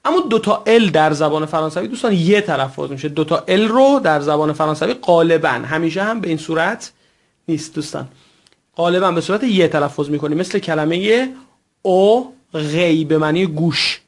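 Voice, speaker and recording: Gravelly-voiced man teaching pronunciation patiently. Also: a little high, animated. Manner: patient, repeats words slowly, addresses listeners as friends. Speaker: language teacher. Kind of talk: recorded French pronunciation lesson.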